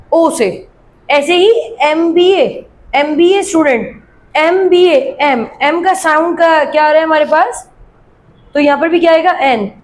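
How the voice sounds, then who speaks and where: A high-voiced woman leads an English grammar lesson off a worksheet, giving example sentences in a slow, clear reading and then explaining them rapidly. Frequently she asks her students something and supplies the answer herself, all captured in a low-quality recording with a bit of background noise.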